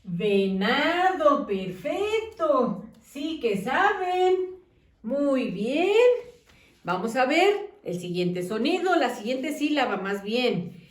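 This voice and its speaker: A woman teacher leading a children's phonics lesson, drawing out syllables in a slow, sing-song way and praising often. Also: high voice, big pitch swings, roomy sound, far from the mic.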